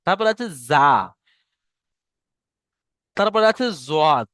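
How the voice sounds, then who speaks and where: A man teaching Quran recitation in an online lesson, chanting verses slowly and explaining pronunciation patiently. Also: a little high, animated, fairly bright tone, clear, resonant tone, no echo, studio quality.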